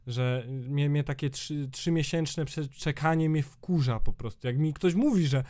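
A young man in his twenties talks in a rambling, sweary vlog rant. His voice sits a bit higher than most men's but has a dark, mellow colour. A sore throat leaves it slightly hoarse. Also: a little slow. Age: 20s. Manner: rambling, sweary, exasperated, many fillers. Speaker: YouTuber.

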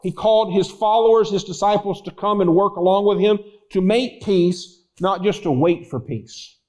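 A man's voice: high-pitched, normal speed, a little mellow, low-quality recording. A man preaching a sermon as pastor, telling stories and acting out voices in them. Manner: storytelling, acts out voices in anecdotes. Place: church.

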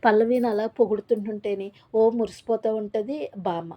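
A woman's voice: on the high side, fairly even intonation, a little fast. A woman casually retelling a TV serial episode, quoting the characters' lines in her own plain voice, with frequent fillers and self-corrections. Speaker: TV serial recap narrator. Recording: slightly dull lo-fi audio.

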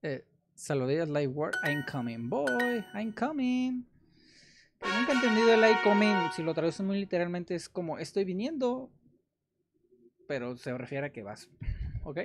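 A man's voice: high voice, very animated, moderate pace, loud music behind the voice. Brief: young adult male host, casual jokey translator, chatty with fillers. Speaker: host translating a language-app story. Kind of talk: casual commentary while translating.

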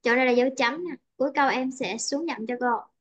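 A woman's voice: high voice, fast talker, breathy edge. A Vietnamese woman teaching English pronunciation in an online lesson, patient and checking often that the student follows.

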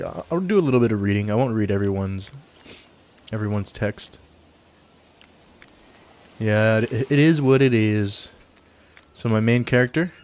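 A man's voice: lowish voice, a little mellow. A young man giving laid-back, rambling let's play commentary as a game streamer, with casual swearing. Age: young adult. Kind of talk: casual let's play commentary, some dialogue read aloud.

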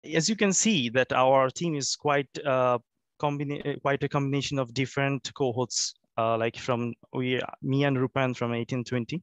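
A man's voice: mid-range voice, no room sound. Hesitant sleepy man on a video call. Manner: hesitant, many fillers and restarts. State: sleepy from jet lag. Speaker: alumni association representative. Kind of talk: remote presentation speech.

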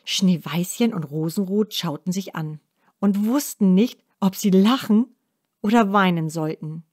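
Slow, expressive woman storyteller. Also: medium pitch, dry recording, studio quality. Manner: slow, clear, expressive fairy-tale telling. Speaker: narrator. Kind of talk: storybook reading for children.

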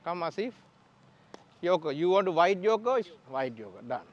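A very animated Sri Lankan bowling coach, his voice sitting high, gives quick, direct pointers in broken English at outdoor nets on a training ground, laughing often. He talks at a normal speed. The audio, from a clip-on mic, has its highs cut off.

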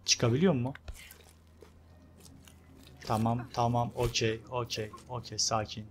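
Young male let's-play host, mid-range voice, casual and excitable, faint background noise. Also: medium pitch, takes it slowly. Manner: chatty, excitable, talks to viewers and the game character. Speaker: gameplay video host.

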